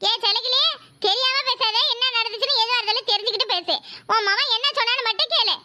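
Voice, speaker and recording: Woman doing a squeaky nagging village wife. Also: quick pace, pushed and bright, dry recording, studio quality, full character voice. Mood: quarreling. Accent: Kanyakumari Tamil. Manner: nagging, quarrelsome. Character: complaining, sharp-tongued young village wife and mother. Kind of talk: cartoon voice acting.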